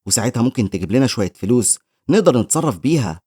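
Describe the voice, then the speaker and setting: Gentle sickly big brother in a story recap, read by an Egyptian man, quick dry delivery. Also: mid-range voice, big pitch swings, breathy edge, no room sound. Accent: Egyptian Arabic. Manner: gentle, apologetic. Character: bedridden young male ex-adventurer, gentle.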